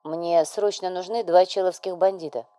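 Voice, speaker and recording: A woman voicing a cold, terse male agent of a dark court, speaking in clipped phrases for an audiobook. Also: fairly low pitch, steady tone, moderate pace, no room sound, lightly acted.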